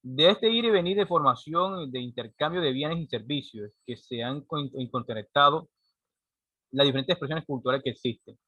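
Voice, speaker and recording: Guy lecturing a class, keeps asking "right?", bright tense voice, dry sound. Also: a little high, normal speed, slightly rough, dry recording. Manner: explanatory, frequent rhetorical "¿cierto?" checks. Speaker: teacher.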